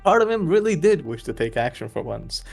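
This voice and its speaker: A man's voice: on the high side, very animated, brisk, vocal fry, slightly rough, soft background music. A man reading a story aloud with friends, joking and laughing between passages. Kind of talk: casual group reading and chat.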